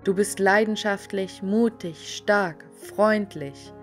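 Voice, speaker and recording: Girl doing an earnest young guy in love, begging to be believed, animated story, light music. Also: medium pitch, slow, lightly acted. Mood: pleading. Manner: earnest, pleading. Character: lovesick earnest young man.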